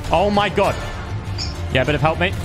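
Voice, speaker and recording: A young man giving loud, teasing gameplay commentary and bantering with strangers, breaking into sudden excited shouts. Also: on the high side, brisk, over music. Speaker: gaming YouTuber.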